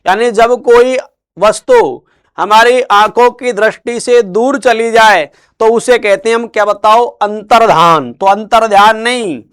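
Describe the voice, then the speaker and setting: A man teaching Hindi spelling, who drills each word by asking questions and answers them himself in slow, drawn-out tones. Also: high voice, steady tone, fairly bright tone, clear, resonant tone. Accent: Rajasthani Hindi. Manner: drills words with repeated questions, stretches out answers slowly. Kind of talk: spelling lesson.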